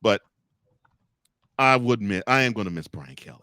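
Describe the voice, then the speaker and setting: A man hosting a college football podcast, giving teasing, animated commentary with frequent restarts and laughs. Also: fairly low pitch, normal speed, dry recording, clean studio sound. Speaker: podcast host. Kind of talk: sports talk commentary.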